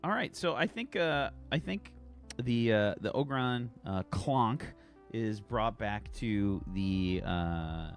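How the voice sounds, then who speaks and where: Male game master: low, unhurried, halting improvised narration. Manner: halting, searching for words.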